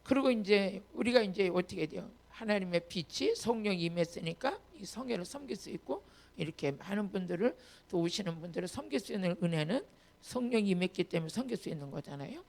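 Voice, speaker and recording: A woman pastor giving an emphatic sermon with personal testimony, her delivery rising to loud commands. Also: medium pitch, animated, a little fast.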